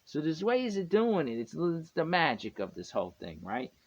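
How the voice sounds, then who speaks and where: A man's voice: on the high side, huge pitch swings, moderate pace. A man teaching guitar in a casual, rambling way, often correcting himself and chuckling. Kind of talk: casual music lesson. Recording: dull lo-fi with guitar playing.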